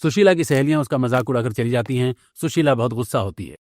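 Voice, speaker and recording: A man narrating a cartoon story in a steady, plain scripted style. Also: mid-range voice, fast talker, no room sound, clean studio sound.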